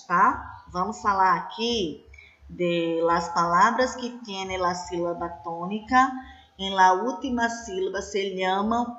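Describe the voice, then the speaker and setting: A woman teacher giving an online slide lesson, slow and patient, often checking in with her class. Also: mid-range voice, pushed and bright, lo-fi sound. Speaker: Spanish teacher.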